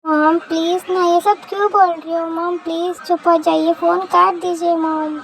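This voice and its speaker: A woman's voice: very high voice, steady tone, moderate pace, low-quality recording. A woman playing a shy pleading young woman. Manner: pleading, embarrassed. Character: shy, flustered young woman, a new bride-to-be. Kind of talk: Hindi fan-fiction voice story.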